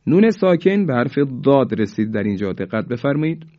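A male teacher giving a recitation lesson, explaining quickly and then reciting each example slowly and drawn out. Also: mid-range voice, big pitch swings. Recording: dull lo-fi recording.

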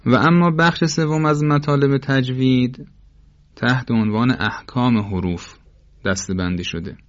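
A man teaching a lesson, explaining step by step in a patient, formal and methodical manner. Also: medium pitch. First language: Persian. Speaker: Quran recitation teacher. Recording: dull lo-fi recording.

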